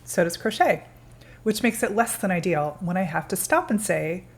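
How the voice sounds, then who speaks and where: A woman's voice: on the low side, expressive, normal speed, husky. A woman presenting her own hobby tech project in a demo narration.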